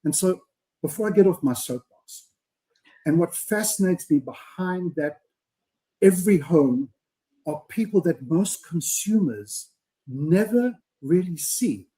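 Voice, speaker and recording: Over a rough recording comes a high, expressive, mellow male voice at a measured pace. He is a podcast co-host on a live show, speaking earnestly and speechifying in casual live-stream chat, with frequent "right?" tags.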